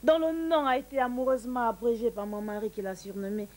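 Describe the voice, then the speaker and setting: A woman's voice: a little high, steady tone, quick pace, darkish tone, rough recording. A woman performing a comic monologue to the audience, dramatic and exasperated.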